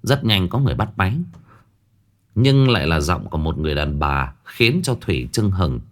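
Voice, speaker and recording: A man narrates a ghost story with dramatic expression. His voice sits low but swings widely in pitch. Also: sing-song, moderate pace.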